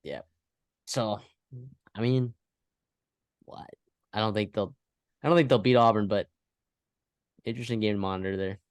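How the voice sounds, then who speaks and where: A man's voice: lowish voice, moderate pace, pauses often, clean tone, no echo, clean studio sound. A man co-hosting a college football podcast, talking casually and rambling through scores with fillers and restarts. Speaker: podcast co-host. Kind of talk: casual sports chat.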